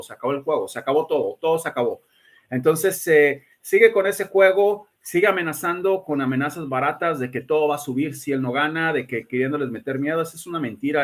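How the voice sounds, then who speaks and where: A man hosting a casual livestream, talking emphatically, repeating himself and greeting viewers by name. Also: medium pitch. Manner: emphatic, repeats words and restarts often. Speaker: livestream host giving predictions.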